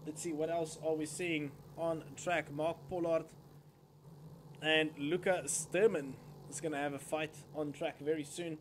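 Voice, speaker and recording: A male motorsport commentator calls a kart race live. His voice sits on the high side for a man and follows the on-track action moment by moment. Clear engine noise runs behind him. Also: level tone, a little slow.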